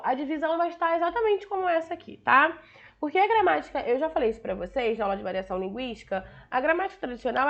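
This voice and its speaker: A woman's voice: high-pitched, fairly bright tone, highs cut off. A Brazilian woman with a Brazilian Portuguese accent teaching a grammar lesson, explaining step by step and checking in with her students with "né?" and "tá?". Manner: explains with frequent "né?" and "tá?" check-ins, addresses students as "galera".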